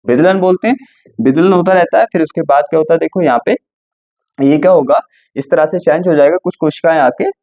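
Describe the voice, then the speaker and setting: A man's voice: on the high side, dark tone, dry recording, highs cut off. Man teaching, asking and answering himself. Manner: repeats questions and answers them himself. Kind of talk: line-by-line textbook lesson.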